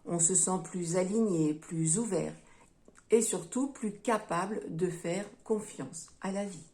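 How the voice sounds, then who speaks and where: Addressing her viewers as friends, this woman reads tarot and astrology in a fairly low voice. She speaks in a mellow, gentle way and never rushes, and her explanations are dotted with frequent little hesitations.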